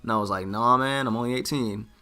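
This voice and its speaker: A young man in his late teens or early twenties, a vlogger with a fast, mid-range voice, tells a story casually over soft background music. He's animated, acting out dialogue by quoting himself and others.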